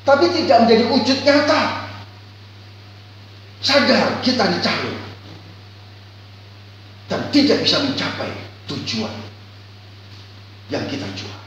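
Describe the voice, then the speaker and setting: A man's voice: very high-pitched, big pitch swings, measured pace, pauses often, far from the mic. Man, pastor, storytelling sermon, echoey church hall, faint background hum. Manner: storytelling, swings between loud calls and quiet reflection.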